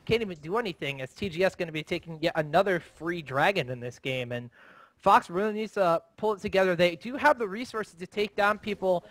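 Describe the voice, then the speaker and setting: A high-pitched male caster calls a competitive video game match. He breaks down the teams' strategy in a steady, analytical way, with a clear, upper-register voice. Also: fairly quick, dry recording. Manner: steady analytical play-calling. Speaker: esports caster. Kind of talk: play-by-play commentary.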